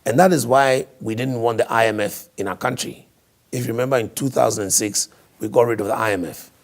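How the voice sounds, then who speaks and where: A man speaks in a hoarse voice with heavy gravel and creak, at a fairly low male pitch. He answers interview questions like a diplomat, explaining emphatically and posing questions that he then answers himself. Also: fairly quick. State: hoarse, voice partly lost.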